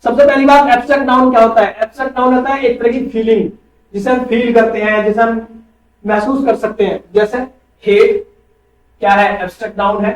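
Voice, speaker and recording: Man teaching online class, very high voice, asks and answers himself, roomy echo, mic far off. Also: steady tone, a little fast. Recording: echoey room, far from mic.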